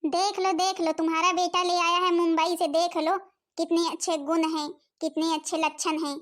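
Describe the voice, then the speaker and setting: A woman's voice: very high voice, flat delivery, moderate pace, fairly bright tone. A woman playing a scolding, nagging village mother-in-law and elder sister-in-law in a family skit. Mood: mocking.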